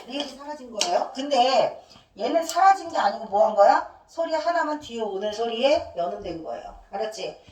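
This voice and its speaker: This woman's voice falls on the high side with a slightly mellow quality. Teaching grammar to a class, she asks and answers her own questions and drills letters one by one, all picked up by a distant mic in an echoey room.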